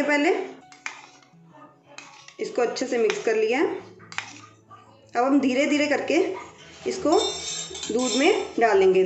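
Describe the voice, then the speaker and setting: The recording cuts off the highs of this woman's fairly high voice, and it sounds roomy and distant with faint music behind it. Hosting a cooking channel from her home kitchen, she patiently lays out each step slowly and says it again.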